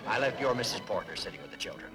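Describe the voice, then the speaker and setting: A man's voice: on the low side, sing-song, racing, poor audio. An actor playing a fussy older neighbor, genteel and easily flustered, hemming as he talks. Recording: old TV soundtrack with music behind.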